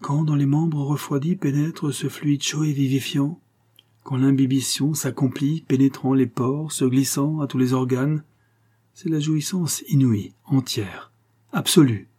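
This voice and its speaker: A man's voice: mid-range voice, fairly even intonation, measured pace, dark tone, husky, voice pushed up. A man voicing a very old male mesmerist who feverishly confesses to stealing life from children. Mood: rapturous confession. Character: ancient male mesmerist confessing his crimes.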